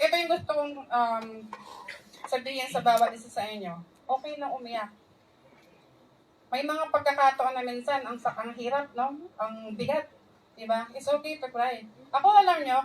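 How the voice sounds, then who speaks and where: A woman's voice: high voice, far from the mic, a little hiss or hum, poor audio. Woman, sermon, earnest, call-and-response, mic set back. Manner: earnest, mixing English phrases, asks the crowd for responses. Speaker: preacher.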